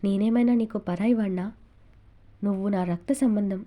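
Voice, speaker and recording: Woman reading as a soft, reassuring older uncle, dark mellow tone, a touch lower than her own. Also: fairly even intonation, normal speed, close to an everyday voice. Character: older man, doting protective uncle.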